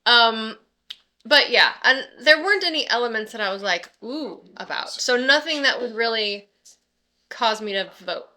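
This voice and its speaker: A woman hosting a casual reaction chat with friends, laughing often and tossing in quick asides. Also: on the high side, expressive, sharp tone. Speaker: channel host.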